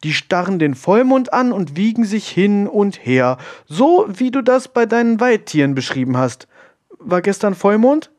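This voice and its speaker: A man's voice: high-pitched, very animated, moderate pace, darkish tone, pitched above the performer's own voice. A man voicing a blunt, matter-of-fact young woman who is into witchcraft. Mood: insistent.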